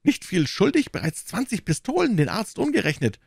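Anxious storybook innkeeper, pleading, high-pitched, as a male narrator does him. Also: wildly swooping pitch, fairly quick, vocal fry, slightly rough, dry recording, clean studio sound, exaggerated voice. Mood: fretful. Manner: pleading, fretful. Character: anxious, fussy male innkeeper owed money.

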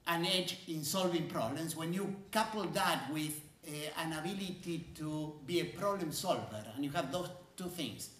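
A man in his sixties from Argentina, an engineering school dean giving a conference keynote on a large stage, measured and emphatic, stretching key words. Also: fairly high pitch, a bit bright. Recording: roomy hall sound from a distance.

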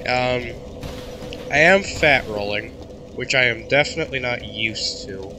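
A teenage gaming YouTuber gives sarcastic, mock-grumpy commentary while playing a video game, his voice congested and a cough slipping out now and then. He speaks at medium pitch without hurrying, over a noisy background with game music playing loudly.

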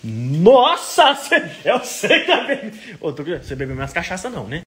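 Man, high voice, very animated, casual vlog chat, faint noise. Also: normal speed, breathy edge. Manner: lively, teasing and laughing with animals. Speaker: vlogger.

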